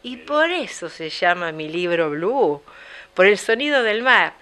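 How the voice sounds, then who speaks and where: A woman's voice: medium pitch, a little slow. A middle-aged woman with an Argentine Spanish accent, a guest author telling a childhood story in an interview and acting out the dialogue. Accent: Argentine Rioplatense Spanish. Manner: animated, voicing her brother and herself.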